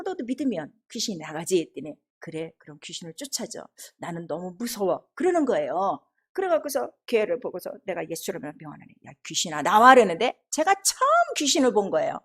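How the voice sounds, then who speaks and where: A middle-aged woman preacher telling a testimony in a sermon, animated storytelling with laughter and acted-out quotes. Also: medium pitch.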